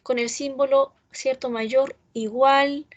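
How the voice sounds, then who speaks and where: A woman teaching a class, talking slowly and patiently and checking in with her students often. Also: high voice, fairly even intonation, lo-fi sound. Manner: slow, patient, keeps checking with "¿cierto?". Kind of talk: online class on R programming.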